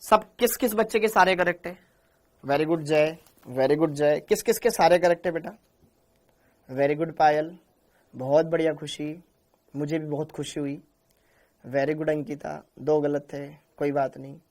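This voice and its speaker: A man's voice: on the high side, a little slow, pauses often, a little mellow. A man teaching chemistry in a live online class, chatty and repetitive, calling his students beta and praising them by name. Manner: chatty, calls students beta, repeats answers.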